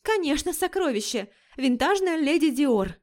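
Woman putting on a pushy slangy young gal, way higher voice, flighty. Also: lively intonation, darkish tone. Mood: chatty, cheeky. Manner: chatty and slangy, quick to take offense.

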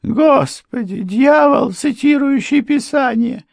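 A man's voice: slow, creaky, no room sound, studio quality, full character voice. A man voicing an older housekeeper woman, tearful and bitterly accusing. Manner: crying, shrill, accusing.

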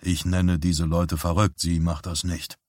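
A weary, gruff middle-aged father speaking in a deep, hushed voice, played by a male audiobook reader. He talks slowly and quietly. The sound is dry and close. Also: level tone, no echo. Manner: low, hushed, warning.

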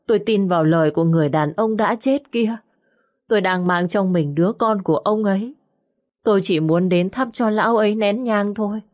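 A woman's voice: mid-range voice, darkish tone, voice pushed up, lightly acted. A woman voicing a scheming pregnant mistress in a village who wails and taunts melodramatically. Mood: pleading.

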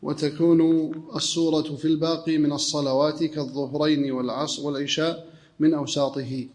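A male student reading a classical text aloud in a steady, recitation-like manner. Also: a little high, a little fast.

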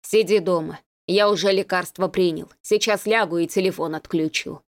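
A woman voicing a man who fakes a hoarse, rough, sick voice, speaking curtly. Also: on the low side, steady tone, normal speed, natural voice. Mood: gruff. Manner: gruff, curt, hoarse.

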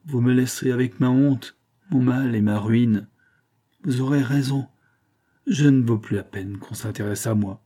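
Here a man gives light, measured acting as an ailing, self-pitying glassmaker of middle years who moans and pleads plaintively with a feverish edge. His mellow voice sits at medium pitch, and the character is pleading, feverish, and hurting.

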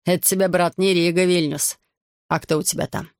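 A man voicing a gruff, suspicious middle-aged army major who talks bluntly. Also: sits high, fairly even intonation, a little fast, no echo, clean studio sound. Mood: wary.

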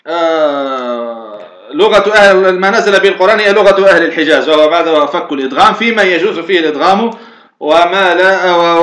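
A man's voice: high-pitched, pushed and bright. A man from Tunisia teaching a lesson, explaining step by step and putting questions to himself before he answers them. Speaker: teacher of Arabic morphology. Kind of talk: lecture explaining a grammar poem. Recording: echoey room.

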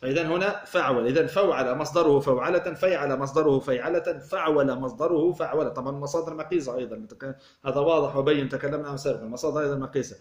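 A man's voice: a little high, rapid-fire. Man teaching in an echoey room. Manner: asks questions and answers them himself, repeats words. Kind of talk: explaining a grammar poem. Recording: roomy echo.

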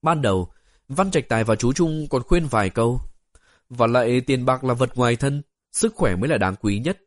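A man narrating an audiobook story in a steady, even storytelling way. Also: medium pitch, moderate pace, no echo, clean studio sound.

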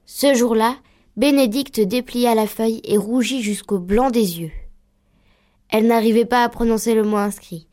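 A woman storyteller telling a tale with lively, vivid delivery. Her voice sits a little high. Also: moderate pace. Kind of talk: storytelling narration.

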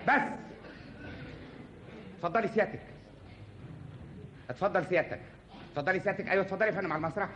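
In a hissy 1950s radio archive, a man plays a fussy, theatrical comic show host with an Egyptian accent, coaching his assistant and insisting on every detail. His high-pitched, slightly bright voice races along, broken by long pauses.

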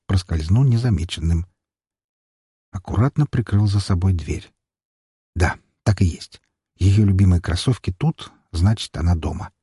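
A man's voice: sits low, dark tone, husky, dry recording, studio quality. A man reading a first-person audiobook in a wry, sardonic storytelling manner. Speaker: audiobook narrator.

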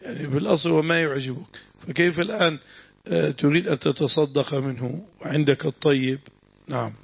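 A man's voice: fairly quick, creaky, husky. A man teaching a classical Arabic religious lesson, patiently explaining terms and often saying yes to approve the reader. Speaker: sheikh explaining tafsir. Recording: dull dry low-fi recording.

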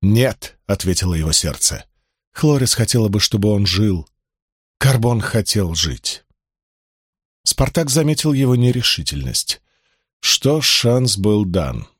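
A man narrating an audiobook in a steady, measured storytelling manner. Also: lowish voice, breathy edge, no echo, clean studio sound. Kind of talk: scripted narration.

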